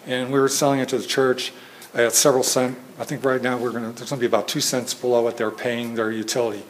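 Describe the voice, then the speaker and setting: A man with a mid-pitched, soft-spoken voice gives an informal slide presentation at a training session, speaking to an audience in a meeting room. His tone stays level, but he's halting, full of fillers and restarts. A phone camera in the room captured it, so the audio is poor, with faint room noise.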